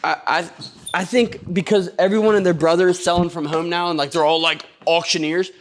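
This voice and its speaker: A middle-aged man who runs a toy store, chatting casually and joking, his voice dropping low and quiet when he explains things. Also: fairly even intonation, brisk, slight background noise. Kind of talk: casual chat.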